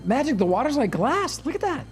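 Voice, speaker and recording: Over music, a streamer host chats eagerly on a game livestream in a very high-pitched, sing-song voice, a little fast. He trails off with fillers as he sails around.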